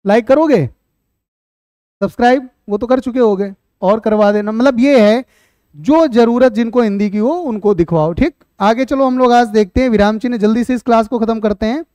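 High-voiced man teaching a Hindi class. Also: normal speed, mellow, no echo. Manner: explains then repeats questions back to students; chatty asides addressing viewers as "beta". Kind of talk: online exam-prep class.

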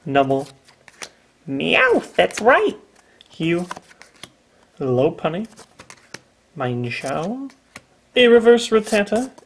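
A young man reading out card names in a drawling, deadpan way with wry jokes during a casual chat. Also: high-pitched, very slow, long pauses, slight background noise. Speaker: guest co-host.

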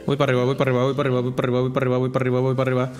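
A man with a Mexican Spanish accent giving live gameplay commentary, excitable, repeating words in quick runs, swearing often and dropping in English words. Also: mid-range voice, soft background music. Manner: excitable, rapid repetitions, frequent swearing, mixes in English words. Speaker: gamer streamer.

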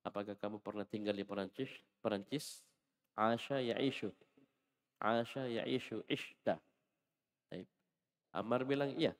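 A man's voice: lowish voice, a little slow, pauses often, big-room sound. A man teaching a classroom Arabic lesson, patiently explaining and correcting a student's reading. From Indonesia.

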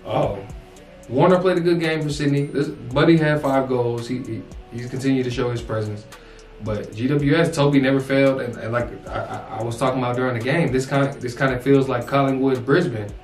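Young dude rambling through a game recap, echoey room, far mic, bit of music behind. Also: male voice, mid-range voice, steady tone, brisk. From United States. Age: young adult. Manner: rambling, lots of restarts and "like". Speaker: co-host. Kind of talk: casual sports recap chat. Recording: roomy echo, distant mic, faint music.

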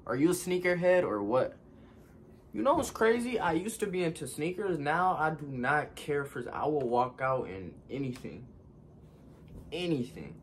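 Seated on his couch at home, a twenty-something content creator voices fan questions and replies casually. His voice sits on the high side with big pitch swings at a normal speed, over a light hiss or hum.

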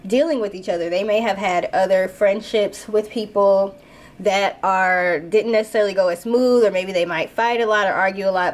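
A woman with a medium-pitched, slightly mellow voice gives a casual tarot card reading. A sinus infection has left her nose blocked, so she sounds congested and stuffed-up. She is a tarot reader who hosts the channel.

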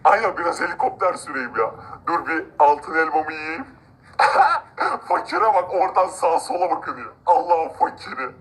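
A man's voice: on the high side, very animated, moderate pace, a bit bright, poor audio. Man playing a gloating cruel rich guy. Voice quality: gloating, mocking laughs. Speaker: voice actor in a game-video drama. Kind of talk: amateur game role-play narration.

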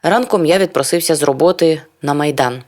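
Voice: mid-range voice, brisk, a little mellow. A reader narrating a literary novel in the first person, brooding and introspective, often turning to rhetorical questions. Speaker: audiobook reader.

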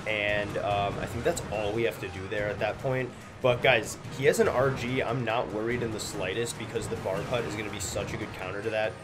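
A man's voice: fairly low pitch, steady tone, brisk, hardly any pauses. A young man with a slightly congested, stuffy nose gives casual gameplay commentary as a gaming video host. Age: young adult. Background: loud music.

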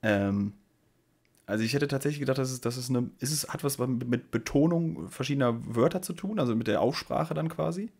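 Man, medium pitch, rambling, searching for words, casual podcast chat. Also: a little fast, vocal fry, a little mellow, husky. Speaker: podcast co-host.

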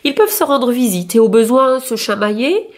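A woman reading a picture book aloud for young children with clear, expressive storytelling. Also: a little high, moderate pace.

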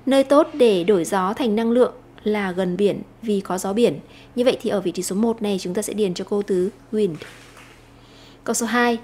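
A Vietnamese woman teacher explaining an English lesson, slowing down to read English phrases aloud. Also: mid-range voice, darkish tone.

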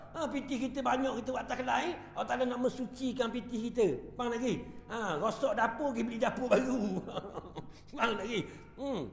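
A preacher with a Terengganu Malay accent gives an evening lecture in an echoey prayer hall, telling funny stories with chuckles and calling out "right?" to the crowd. His voice is very high-pitched, a bit bright, and marked by vocal fry, with slight background noise.

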